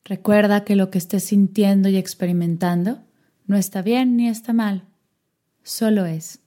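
A woman guiding a meditation, giving soft-spoken instructions with long pauses. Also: medium pitch, steady tone. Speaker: meditation guide. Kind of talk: guided meditation.

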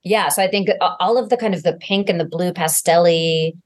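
A woman's voice: lowish voice, a little fast. A woman guest on a film podcast, chatting with enthusiasm and laughing easily. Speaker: guest history professor. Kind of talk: casual chat.

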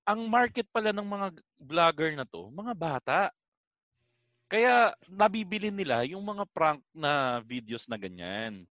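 Man, casual chat, joking, swears casually, high voice, very lively pitch, dry sound. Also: measured pace, no room sound, highs cut off.

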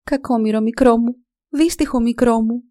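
A woman's voice: mid-range voice, fairly even intonation, warm tone, no room sound, clean studio sound, lightly acted. A woman voicing a worried, bitter farmer's wife in a storybook reading. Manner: plaintive.

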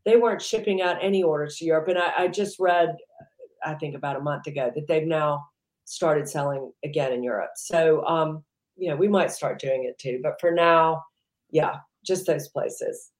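A woman with a lowish voice chats loosely as an interview guest, circling her points and filling gaps with "you know". The recording has a noticeable roomy echo. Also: normal speed, a little mellow. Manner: rambling, heavy use of "you know". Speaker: entrepreneur guest. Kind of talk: casual interview chat.

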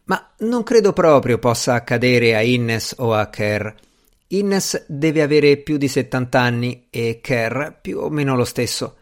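A languid, aloof gentleman, read by a man in an audiobook, sounding bored and dismissive. The voice sits at a middle pitch and stays close to the reader's own. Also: animated, measured pace, lightly acted. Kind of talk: audiobook character reading.

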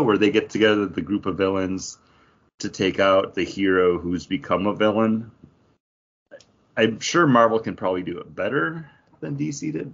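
A podcast co-host with a lowish, slightly bright voice shares his opinions on films and TV in casual chat. The sound is dull and lo-fi.

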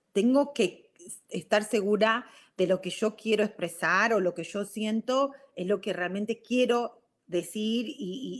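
Chatty Rioplatense woman with "ok?" tags. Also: medium pitch. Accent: Rioplatense Spanish. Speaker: live stream host. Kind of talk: casual talk on self-growth.

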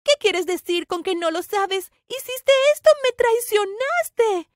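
A woman voicing a young woman who shouts sharp accusations at her twin sister. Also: high-pitched, lively intonation, normal speed, dry recording, studio quality. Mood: furious.

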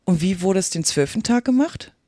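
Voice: medium pitch, lively intonation, normal speed, a little mellow, dry recording, studio quality, close to an everyday voice. A reader voicing a curious, polite young girl asking eager questions in a storybook reading. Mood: earnest.

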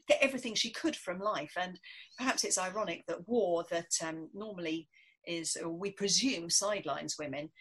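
A woman with a southern English accent and a husky voice, telling history stories conversationally as an interview guest. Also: fairly low pitch, fairly bright tone, low-quality recording. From Essex, England. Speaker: historian and author, podcast guest.

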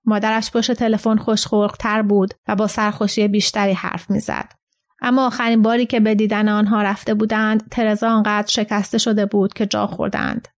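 A woman narrating a literary short story in an even, steady reading. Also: mid-range voice. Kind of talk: scripted narration.

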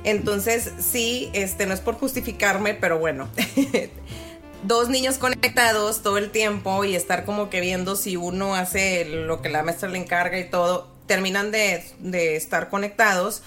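A woman in her thirties with a Mexican accent, chatting casually as podcast co-host and telling an animated story, swearing freely and acting out quotes. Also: mid-range voice, a little slow, soft background music. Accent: Mexican Spanish.

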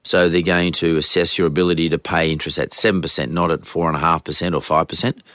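An Australian man hosting a podcast in conversational, off-the-cuff talk, his voice croaky from a cold. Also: low voice, flat delivery, quick pace, a bit bright, no room sound, studio quality. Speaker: podcast host. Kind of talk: unscripted solo podcast talk on news and economics.

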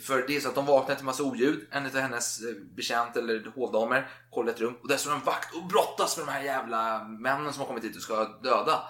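A man's voice: mid-range voice, hardly any pauses, sharp tone. A man telling a history story in a loose, chatty way, with plenty of casual swearing. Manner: chatty, swears freely, acts out quotes. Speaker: podcast co-host. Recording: roomy echo.

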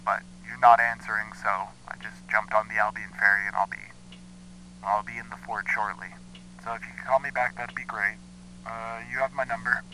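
A man's voice: lowish voice, bright, forceful tone, a little hiss or hum, low-quality recording. An actor playing a young man who leaves a hesitant, casual voicemail for his uncle over a landline phone. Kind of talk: audio drama acting.

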